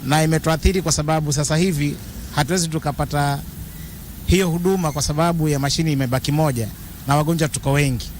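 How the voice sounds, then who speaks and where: A man's voice: a little high, fairly even intonation, fast, slight background noise. A man with a Kenyan accent giving a spontaneous statement for the news.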